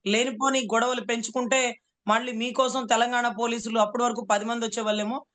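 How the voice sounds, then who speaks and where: A woman's voice: a little high, level tone, fairly quick, a bit bright. A woman advocate giving heated political commentary, speaking rhetorically and repeatedly addressing her interviewer as "sir". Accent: Telugu.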